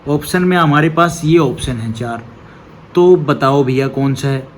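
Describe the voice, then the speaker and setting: A man's voice: mid-range voice, a little slow, a little hiss or hum. A male teacher giving an exam-prep grammar lesson, patiently explaining step by step, posing questions and answering them himself, with a checking "okay" after each point.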